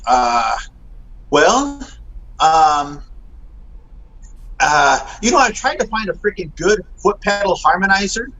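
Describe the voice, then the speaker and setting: A man's voice: high-pitched, slow pace, long pauses, dull audio. A middle-aged man, a guest guitarist, telling stories in a casual chat and acting out the quoted lines, with many fillers. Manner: animated, acts out quotes, frequent fillers.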